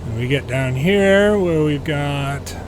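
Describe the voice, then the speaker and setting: Here a gaming video host speaks at a slow pace with a fairly high pitch, sardonic and casual as he comments on a game and lets out exasperated asides. The American is also a pilot who once worked in air traffic control. Steady hum and noise fill the background.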